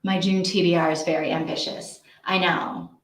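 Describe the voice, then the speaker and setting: Chatting casually on her live reading sprint stream, a woman rambles while thinking aloud at a moderate pace. Her fairly low voice has little pitch movement, and the recording from her echoey, untreated indoor room carries a little hiss or hum.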